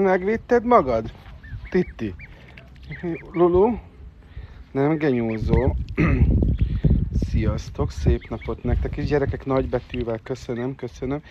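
A man live streaming by phone from an outdoor bird park, chatting to viewers and coaxing birds with excited squeals. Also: mid-range voice. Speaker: livestreaming animal keeper. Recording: dull phone audio with faint noise.

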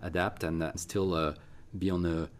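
A man's voice: low voice, little pitch movement, moderate pace. A man interviewing a guest, speaking with many fillers and restarts in a studio. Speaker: interviewer, consultant. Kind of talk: conversational interview. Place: recording studio.

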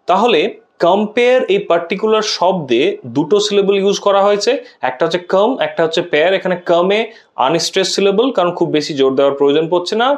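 Male lecturer, patient and clear, talks straight to students, slightly raised pitch. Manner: patient, explains step by step, addresses students directly. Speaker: teacher. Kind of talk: recorded literature lecture for students.

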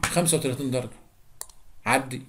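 A man's voice: medium pitch, fast talker, a bit bright, slight background noise. A young man with an Egyptian Arabic accent teaching a geometry lesson, chatty, repeating steps and quizzing his students. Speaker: math teacher.

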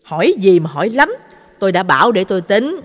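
A woman's voice: mid-range voice, very animated, moderate pace, big-room sound, close to an everyday voice. A woman voicing a short-tempered man who scolds and barks his words. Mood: angry. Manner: barking, scolding. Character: harsh, short-tempered dog butcher man.

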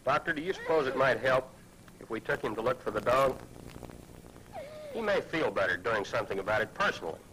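An actor playing a practical, kind man in a 1960s family film, speaking in a brisk, earnest manner. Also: medium pitch, expressive, pushed and bright, slight background noise, poor audio. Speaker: adult helping search for a lost dog.

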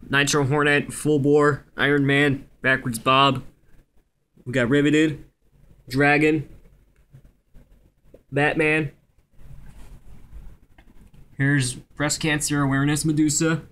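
A young man speaking quietly at night so as not to wake anyone, casually going through a collection item by item. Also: medium pitch. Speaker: toy collector showing his collection. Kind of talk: casual collection walkthrough, listing items. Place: carpeted room at home. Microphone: handheld camera, held by the speaker.

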